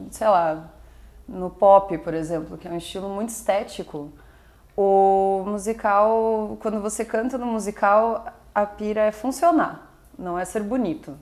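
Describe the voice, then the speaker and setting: A woman's voice: on the high side, a little mellow. A young Brazilian woman, a musical theatre performer, chatting casually as an interview guest and often ending her points with little tag questions. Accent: Brazilian Portuguese.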